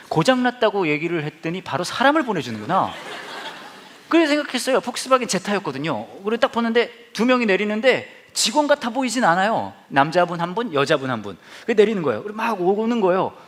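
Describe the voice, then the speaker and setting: Animated Korean pastor, lively storytelling sermon. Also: male voice, sits high. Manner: animated, acts out his own reactions and prayers.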